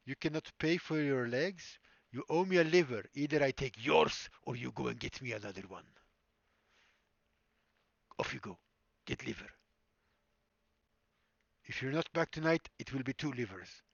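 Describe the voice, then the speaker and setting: A man's voice: medium pitch, animated, normal speed, vocal fry, pauses often, no room sound, lo-fi sound. A man voicing a greedy back-alley surgeon who demands livers as payment, in a put-on stereotyped Eastern European accent with clipped, broken orders. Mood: menacing. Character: greedy male back-alley surgeon selling cyber limbs, threatening.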